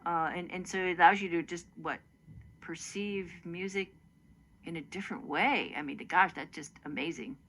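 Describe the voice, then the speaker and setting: A woman's voice: on the low side, fairly even intonation, moderate pace, pushed and bright, a little hiss or hum. A woman hosting a public radio interview in a conversational, searching way, often feeling for her words.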